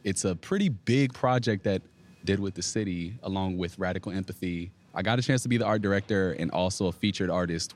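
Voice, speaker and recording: Chill muralist guy from virginia, low-ish voice, easygoing interview chat. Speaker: muralist guest. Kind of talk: casual interview.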